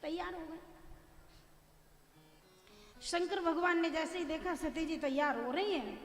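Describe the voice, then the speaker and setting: A woman's voice: very high voice, unhurried. A woman preacher telling a devotional scripture story and chanting verses between her plain telling. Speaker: religious preacher. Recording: echoey hall with music.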